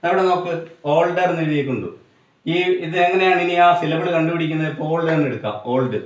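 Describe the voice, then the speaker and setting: A man's voice: fairly high pitch, distant mic. Malayali man teaching grammar in a roomy space. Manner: explains step by step, asks and answers his own questions; slows right down to spell out English examples. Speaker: English teacher. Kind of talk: grammar lesson for exam students.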